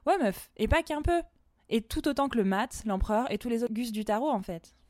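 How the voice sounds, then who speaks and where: A woman hosts a laid-back tarot podcast, joking and dropping bits of English slang as she goes. Her voice is soft and mellow. It sits close and dry, with almost no room sound around it. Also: on the high side, animated, fairly quick, no room sound. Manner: playful and slangy, mixing in English words. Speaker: podcast host and tarot reader. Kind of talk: casual podcast chat.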